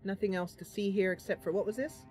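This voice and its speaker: She talks fast in a medium-pitched, darkish voice with fairly even intonation. Game music plays behind this woman as she hosts gameplay, chatting casually, role-playing in voice and thinking aloud for fun.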